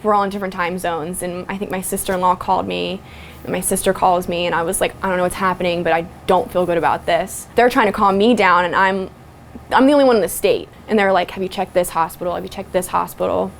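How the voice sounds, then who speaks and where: Soft-spoken young woman recounting, halting. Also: fairly low pitch, fairly even intonation, creaky, slight background noise. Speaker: interviewee, daughter of a victim. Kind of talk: documentary interview.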